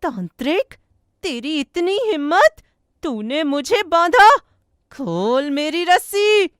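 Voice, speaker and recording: A woman voicing the vengeful ghost of a female bird that has taken over a young bird, in a Hindi cartoon, menacing and shrieking with slow, drawn-out taunts. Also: extremely high pitch, big pitch swings, no room sound, clean studio sound, voice pushed up, heavily acted. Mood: furious.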